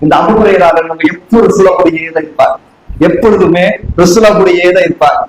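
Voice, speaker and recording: A man's voice: high voice, fairly even intonation, quick pace. A man from Tamil Nadu preaching a sermon to a congregation, asking them rhetorical questions again and again. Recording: echoey room with faint background noise.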